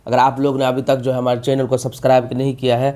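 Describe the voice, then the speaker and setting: A man's voice: mid-range voice, completely flat delivery, mellow. A man, teaching an exam-prep vocabulary lesson, repeating each term and asking rhetorical questions. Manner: drawn-out emphasis on key words.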